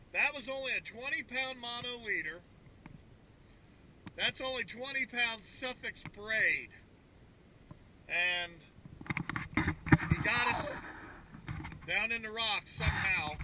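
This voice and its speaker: A middle-aged charter captain talking into a camera at arm's length out on a small boat, lively and hollering. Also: male voice, high voice, very noisy. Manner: excitable, hollering. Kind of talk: excited on-boat commentary. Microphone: action camera held at arm's length.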